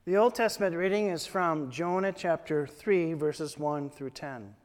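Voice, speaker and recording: A man with a fairly high voice leads prayers and reads scripture in a measured, solemn manner. His words ring out with a cathedral echo, trailing a long reverb through a large church. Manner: measured, solemn reading aloud. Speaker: officiant leading worship. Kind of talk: liturgical prayer and scripture reading.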